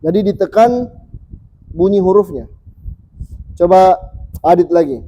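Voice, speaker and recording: Pria bersuara tinggi dan gelap. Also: male voice, high-pitched, lively intonation, warm tone, slight background noise, poor audio. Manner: patient, repeats sounds slowly for students. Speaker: Quran reading teacher. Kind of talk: teaching a class.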